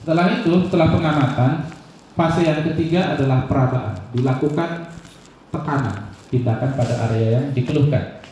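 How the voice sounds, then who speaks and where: A man's voice: a little high, a little fast, a little mellow, slight background noise. A man teaching a class, explaining by example and asking and answering his own questions. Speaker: instructor. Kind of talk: classroom lecture. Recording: echoey room, voice from far off.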